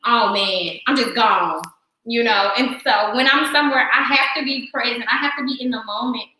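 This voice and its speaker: Bright, high-voiced woman, laughing through stories. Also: heavy reverb, low-quality recording. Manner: animated, laughing, quick storytelling. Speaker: guest, yoga teacher. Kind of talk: casual conversation. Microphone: video call.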